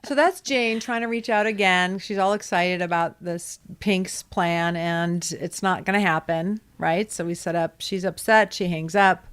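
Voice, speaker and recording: A woman's voice: fairly low pitch, steady tone, unhurried, hardly any pauses, clear, resonant tone. A woman co-hosting a casual rewatch podcast, chatty and given to laughing and trailing off mid-thought. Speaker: podcast co-host.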